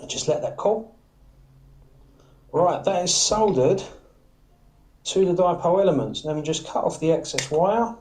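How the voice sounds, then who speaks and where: Here a British antenna maker walks through his workshop process indoors, informal and hands-on, regularly checking with "all right?" and "okay?" after each step. His high voice is animated and a little mellow, and he takes his time, leaving long pauses.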